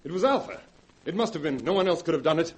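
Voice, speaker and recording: An actor playing a calm, scheming male scientist in a 1940s radio drama, speaking in a measured, persuasive way. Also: fairly high pitch, breathy edge, poor audio. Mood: urgent.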